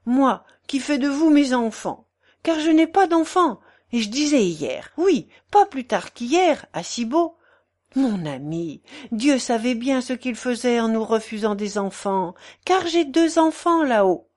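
A woman voicing a gossipy, meddling middle-aged concierge in a storybook reading, with a shrill, wheedling, theatrical manner. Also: lively intonation, measured pace, darkish tone. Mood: wounded indignation.

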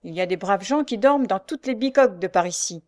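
A woman voicing a gruff, bossy male army sergeant who barks orders loudly, reading a storybook. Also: mid-range voice, animated, fast talker, close to an everyday voice. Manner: barking orders, loud and rough.

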